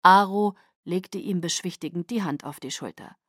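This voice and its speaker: A woman narrating a novel in first person, measured and dramatic, close to the mic. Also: lowish voice, a bit bright, no room sound. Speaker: audiobook narrator.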